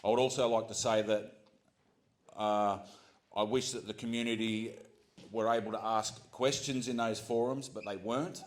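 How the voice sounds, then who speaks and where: An Australian man giving an earnest prepared speech to a community gathering, often pausing with ums and restarting his sentences. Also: fairly low pitch. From Central Coast of New South Wales, Australia. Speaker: community speaker.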